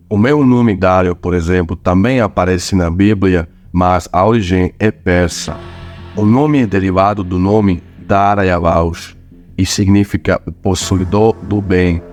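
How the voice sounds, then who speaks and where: A man's voice: low voice, darkish tone. A man from Croatia speaking with a Croatian accent, hosting his own scripted explainer vlog and pronouncing names carefully. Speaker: channel host. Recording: faint music underneath.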